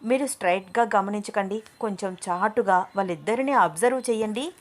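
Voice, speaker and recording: A woman's voice: mid-range voice, fairly quick, close to an everyday voice. A woman voicing a playful, cheeky young woman with a teasing, bubbly way of talking.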